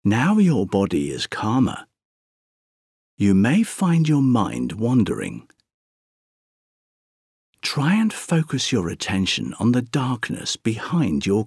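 A man slowly guiding a sleep meditation, counting breaths in a soothing, drawn-out way with long pauses. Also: on the low side, creaky, darkish tone, husky, dry recording, studio quality. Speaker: meditation guide.

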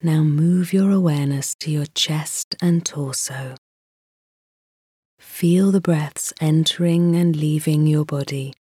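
A woman guiding a sleep meditation, speaking softly and soothingly and often dropping into a whisper. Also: low voice, steady tone, breathy edge, no room sound, studio quality. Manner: slow, soft, soothing, drifting into whispers. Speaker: meditation guide.

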